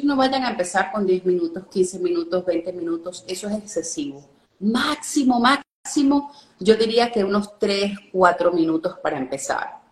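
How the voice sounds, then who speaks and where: A woman's voice: medium pitch, reverberant. A woman explaining speaking techniques as a guest coach, checking in with listeners often. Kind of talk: instructional live-stream talk.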